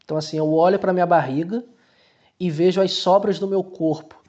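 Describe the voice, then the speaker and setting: A man's voice: high voice, steady tone, brisk, warm tone, dull audio. A man with a Brazilian Portuguese accent, giving casual book commentary and talking straight to the viewer in a colloquial way, with many restarts.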